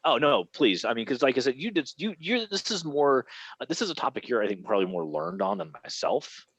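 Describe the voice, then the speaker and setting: A man co-hosting a casual podcast chat, animated, repeating words and laughing often. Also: medium pitch, fairly quick, husky, no echo. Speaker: podcast co-host.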